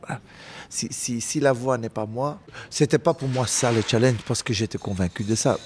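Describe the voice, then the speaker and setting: A man's voice: medium pitch, a little hiss or hum. A man in his forties, a singer being interviewed, telling stories casually with many restarts. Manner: halting, many restarts, animated storytelling.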